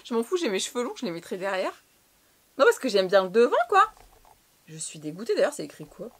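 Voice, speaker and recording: A woman's voice: medium pitch, sing-song, fairly quick, fairly bright tone, breathy edge. A young woman from France chatting casually through a clothing haul, slangy and swearing now and then. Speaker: fashion vlogger.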